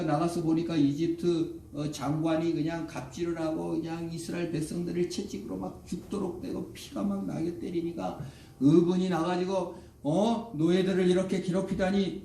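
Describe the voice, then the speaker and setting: A man's voice: a little high, steady tone, normal speed, gravelly, few pauses, mellow, slight background noise. A male pastor preaching a sermon with dramatic swings, acting out the lines of the people in his story. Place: church sanctuary. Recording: roomy church echo, mic at a distance.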